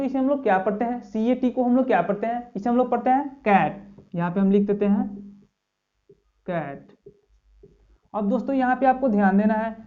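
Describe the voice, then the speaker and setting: A man's voice: very high voice, darkish tone. A man hosting a grammar lesson for viewers, explaining step by step and repeatedly asking rhetorical questions of his audience. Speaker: English teacher, channel host. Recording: dull lo-fi recording.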